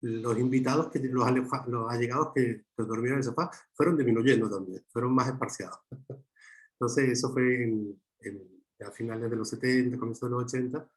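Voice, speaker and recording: A middle-aged man, a filmmaker and guest, talks reflectively in an interview, pausing often and restarting his phrases. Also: mid-range voice, fairly even intonation. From Chile. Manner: halting, many restarts and fillers.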